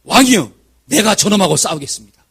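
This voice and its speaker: A man's voice: high-pitched, expressive, quick pace, a bit bright, breathy edge, exaggerated voice. A man voicing a bold, fearless young shepherd who declares he will fight. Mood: resolute. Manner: declaring boldly.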